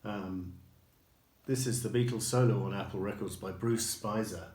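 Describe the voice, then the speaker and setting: A man reviewing his purchases in a casual video, unhurried and dotted with ums and restarts. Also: fairly low pitch, steady tone, darkish tone. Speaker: record collector showing purchases. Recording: echoey room with faint noise.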